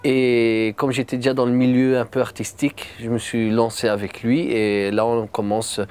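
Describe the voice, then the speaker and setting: A man's voice: medium pitch, level tone, moderate pace, darkish tone. A man who runs a production company, talking casually about an artist he produces. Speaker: music producer. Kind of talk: interview answers.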